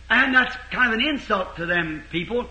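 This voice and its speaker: A man's voice: high-pitched, lively intonation, normal speed, pushed and bright. A man preaching a sermon, retelling a story in a folksy, rambling way with lots of repeated "he said". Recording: roomy echo.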